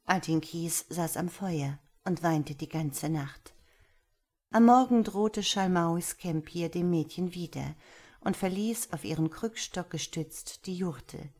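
A woman narrating a fairy tale in a measured, expressive storytelling manner. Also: lowish voice, husky. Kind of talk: audiobook fairy-tale reading.

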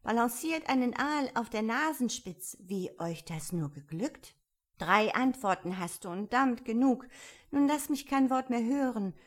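A woman voicing a polite, timid young girl in a storybook reading, pitched up and eager. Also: lively intonation, unhurried. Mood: reciting. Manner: higher, eager, slightly tearful. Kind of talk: audiobook character voice.

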